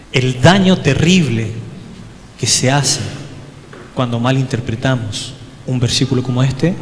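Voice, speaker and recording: A man preaching a sermon in a church, telling stories with humor and acting out past dialogues. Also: medium pitch. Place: church hall. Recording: long church hall reverb, faint background noise.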